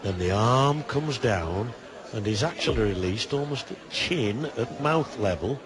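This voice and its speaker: Lively-pitched male darts commentator over crowd. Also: a little slow. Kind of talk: live sports commentary. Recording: busy crowd behind commentary.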